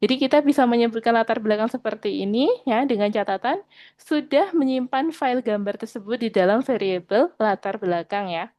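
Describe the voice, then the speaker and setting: Woman, coding teacher, patient, mid-pitched, dry close sound. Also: a little mellow, dry recording. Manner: patient, repeats "teman-teman ya", slows for code. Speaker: programming teacher. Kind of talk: online coding lesson.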